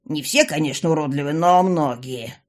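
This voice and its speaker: A woman's voice: sits low, normal speed, lightly acted. Storybook strongman, read by a woman in her own range, plain and matter-of-fact. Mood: blunt. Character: big sturdy man, blunt and practical. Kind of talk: audiobook character voice.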